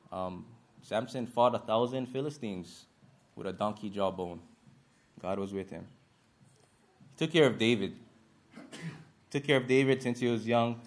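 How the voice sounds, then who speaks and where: A man with a Hawaiian Pidgin-tinged accent gives a church lesson in a fairly low voice. He sounds earnest and a little nervous, leaning on fillers as he reads scripture and retells Bible stories. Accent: Hawaiian Pidgin-influenced English. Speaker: lay preacher giving a church lesson.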